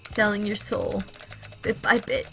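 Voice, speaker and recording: A woman's voice: mid-range voice, unhurried, creaky, fairly bright tone, a little hiss or hum. A woman streamer reading game text aloud and breaking in with teasing, jokey asides. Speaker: let's play streamer.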